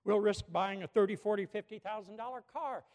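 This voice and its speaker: A man preaching a sermon in a church, telling a story with animated swings from hushed to shouting. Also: high voice, fairly quick. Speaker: pastor. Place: church sanctuary with a balcony. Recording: long hall reverb from a church.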